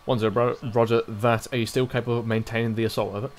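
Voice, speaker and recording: Man, fast-talking, clipped radio orders, platoon commander. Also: mid-range voice, level tone, a little hiss or hum. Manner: clipped, brisk radio calls. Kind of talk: military radio procedure in a game.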